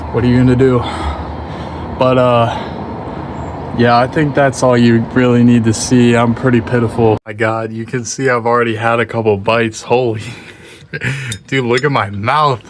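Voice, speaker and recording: Young man, vlogger, slangy, laid-back, talks while eating, mid pitch, faint background noise. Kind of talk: casual vlog chat.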